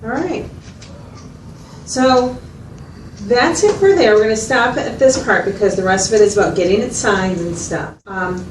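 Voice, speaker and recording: A woman with a slightly high, natural voice speaks at a moderate pace, playing a mental health clinician in a role-played consultation. She's patient, methodical, and explanatory, asking questions to make sure she's understood. The recording comes from a distant mic in a noisy, echoey room.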